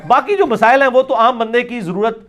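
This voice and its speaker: A man's voice: extremely high pitch, fairly bright tone. A man giving a religious talk, arguing with sarcasm and reading quotations aloud. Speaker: religious speaker.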